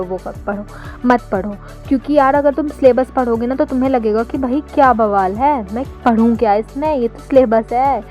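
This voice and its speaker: A woman's voice: a little high, a little mellow. A woman in her twenties talking casually and earnestly, giving study advice in a vlog. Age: 20s. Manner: chatty and earnest, full of fillers. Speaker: study vlogger.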